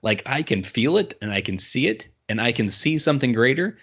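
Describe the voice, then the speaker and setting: A man's voice: mid-range voice, animated, fairly quick, a bit bright, husky. A man in his thirties, a podcast guest, telling his story in an earnest, reflective way. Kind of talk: casual interview conversation.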